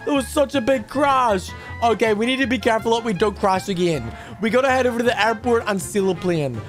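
A man hosting a gaming video, talking in a frantic, excitable roleplay style that repeats words. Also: sits high, brisk, soft background music.

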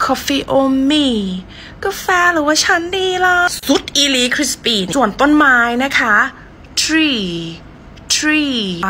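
A young woman with an Isan accent giving a playful, teasing pronunciation lesson and repeating words slowly. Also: high voice, bright, forceful tone, a little hiss or hum. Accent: Isan (Northeastern Thai). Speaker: pronunciation teacher.

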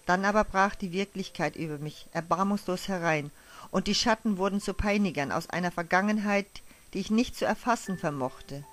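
A woman narrating a first-person audio drama in a hushed, wistful storytelling manner, over faint music. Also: mid-range voice, normal speed.

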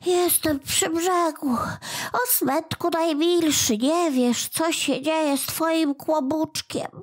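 A woman voicing a small, furry male house spirit from a folk tale, greedy but plucky, with a squeaky, excitable voice. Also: takes it slowly. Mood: plaintive.

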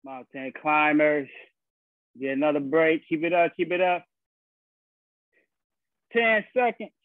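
On a muffled, phone-like video call, a young male fitness instructor coaches a live online workout using short encouraging cues and countdowns. His voice sits on the high side, slow and steady in tone, with no room sound from the small carpeted room at home where he's indoors. A laptop or webcam mic captures him.

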